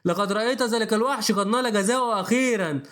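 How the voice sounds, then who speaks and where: A man's voice: high-pitched, very fast, a bit bright. A man doing a weeping, devoted young disciple. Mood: fervent. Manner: crying out, fervent.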